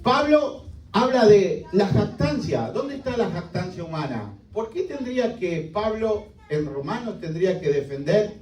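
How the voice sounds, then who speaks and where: A man's voice: high-pitched, big pitch swings, unhurried, a little mellow, faint music behind. A male pastor preaching a sermon emphatically, with many rhetorical questions. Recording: echoey hall, distant mic.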